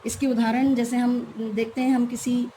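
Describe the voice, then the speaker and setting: A woman's voice: fairly high pitch, flat delivery, moderate pace, dark tone, a little hiss or hum. A woman teacher giving a grammar lesson to schoolchildren, explaining patiently and repeating key terms.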